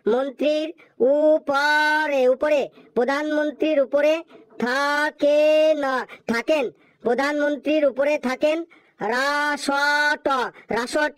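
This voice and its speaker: A woman's voice: on the high side, dry recording, natural voice. A schoolboy who stumbles through his reading one syllable at a time, voiced by a woman in a cartoon. He drags out each piece and repeats it, and the voice is recorded dry and close. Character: halting schoolboy struggling to read aloud. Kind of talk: cartoon voice acting.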